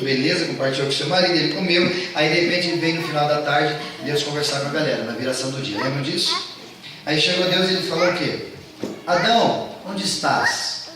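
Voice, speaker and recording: A man's voice: fairly high pitch, noisy background. A man with a Brazilian accent, a pastor giving a casual, joking Bible talk at a camp and acting out the scenes in little voices. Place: talk at a camp retreat venue. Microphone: phone camera from a distance. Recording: very echoey phone recording from far off.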